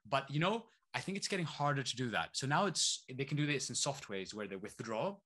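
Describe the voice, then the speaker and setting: Very animated and fairly quick, this man's mid-range voice comes across pushed and bright. He's an activist guest in a conversational interview, shaped by a childhood between Saudi Arabia and East London, and he peppers his talk with rhetorical questions.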